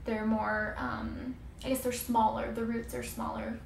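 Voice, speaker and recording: A woman's voice: a little high, level tone, measured pace, vocal fry, reverberant, a little hiss or hum. A woman in her twenties telling a personal story in a casual, chatty, rambling way, often interrupting herself and exaggerating for effect. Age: 20s. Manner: chatty, rambling, self-interrupting, given to hyperbole.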